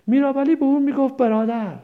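A woman's voice: high voice, steady tone, voice pushed up, natural voice. A woman voicing an old village mother who rambles tenderly and laments her son, on a dull lo-fi recording. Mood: rambling worry. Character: old village mother, grieving, confused, doting.

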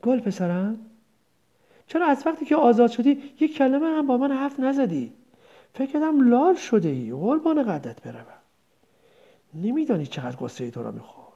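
A woman's voice: on the high side, big pitch swings, dark tone. A woman voicing an old village mother who rambles tenderly and laments her son, on a dull lo-fi recording. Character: old village mother, grieving, confused, doting.

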